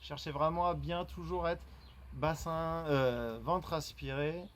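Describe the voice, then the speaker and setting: A man's voice: fairly high pitch, steady tone, slow, a bit bright, slight background noise, poor audio. A man leading a floor exercise class, guiding breathing and repeating cues rhythmically as he counts. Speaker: fitness instructor. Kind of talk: guided workout instruction.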